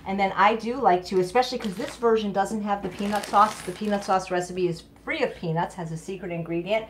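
Her mid-range voice moves fairly quickly as this middle-aged woman hosts a casual, enthusiastic live cooking demo in her home kitchen, exclaiming as she goes. There's slight background noise along with clattering dishes and clicks.

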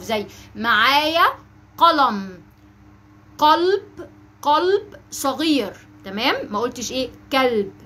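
Brief: Egyptian woman, speech therapist, fairly high voice, slow emphatic drilling, faint hiss. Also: fairly bright tone. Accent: Egyptian Arabic. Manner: slow, emphatic drilling of sounds with frequent check-ins. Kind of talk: instructional video lesson.

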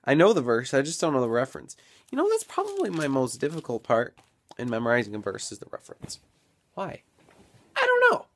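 A young man vlogging casually at home, rambling and thinking out loud into a built-in camera mic. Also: medium pitch, huge pitch swings, quick pace, slight background noise. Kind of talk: casual daily vlog.

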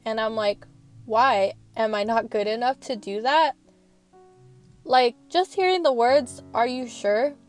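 A woman's voice: a little high, measured pace, faint music behind. A young woman student rambling in a chatty, earnest voice-over, recorded in her parked car. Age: young adult. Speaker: student vlogger.

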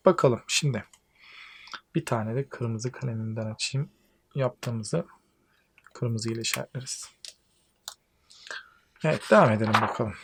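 A male English teacher with a Turkish accent, chatting through a lesson, reading English lines slowly and translating them for his students. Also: mid-range voice. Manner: chatty, addresses viewers as friends, reads English lines slowly then translates. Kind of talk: classroom lesson explaining exercises.

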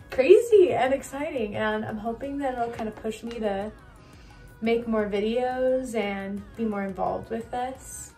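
A young woman in her twenties talks to a camera held at arm's length, chatty and bubbly, with plenty of likes and ums. Her voice sits a little high, and soft music plays faintly underneath. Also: vocal fry. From USA. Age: 20s. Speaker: vlogger. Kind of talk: casual vlog talk to camera. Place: apartment, car and outdoors. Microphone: handheld phone or camera at arm's length.

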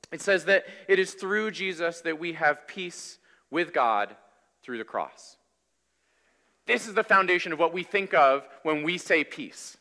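A man in his thirties preaching a sermon from a pulpit, in a conversational, energetic way. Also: high-pitched. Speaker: pastor. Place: large church hall, on stage at a wooden pulpit. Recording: reverberant church hall.

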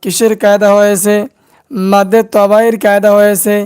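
A man teaching Quran recitation step by step, slowly drilling syllables and asking and answering his own questions. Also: high-pitched, little pitch movement, darkish tone, clear, resonant tone.

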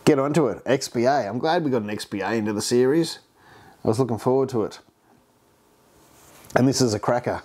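Sitting indoors at his home bar, the Australian home brewing host in his fifties rambles through a casual beer review vlog, um-ing and starting over. His mid-range voice sounds a little mellow, and he talks briskly but leaves long pauses.

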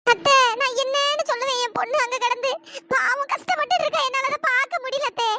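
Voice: fairly even intonation, brisk, exaggerated voice. A voice actor doing a wailing cartoon mother. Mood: lamenting. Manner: wailing, self-reproaching. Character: worried middle-aged mother, lamenting. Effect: pitch-shifted voice. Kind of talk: cartoon storytelling dialogue. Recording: loud background noise.

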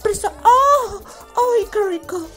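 A shrill falsetto goat that squeals and moans in long, slow yelps. The voice sits very high and leaps all over the place, with music playing underneath. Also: male voice, lively intonation, pushed and bright, exaggerated voice. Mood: moaning. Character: squealing, masochistic cartoon goat.

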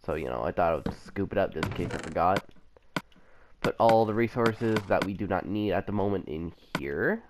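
Deep-voiced and animated, this gameplay commentator talks at a moderate pace over background noise. He's a young man who is still sick with the flu and a cough, and his let's play chatter is loose, rambling, and full of self-corrections.

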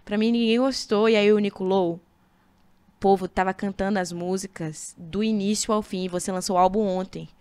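A young woman from Brazil, a singer, chatting as a guest in a relaxed podcast interview, animated and full of fillers. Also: medium pitch, moderate pace, smooth. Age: young adult. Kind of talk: casual interview chat.

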